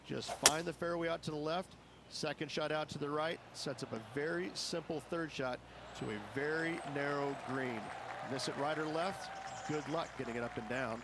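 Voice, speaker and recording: A man's voice: on the high side, fairly even intonation, normal speed, over a noisy crowd. Explanatory male golf commentator, noisy background. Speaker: golf analyst and commentator, former player.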